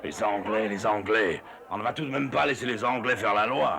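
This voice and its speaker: An actor playing a bitter, sardonic trader who speaks French with a German-tinged accent. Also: male voice, on the low side, fairly quick, gravelly, a bit bright. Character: bitter middle-aged male trader from Lorraine. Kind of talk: period TV drama acting.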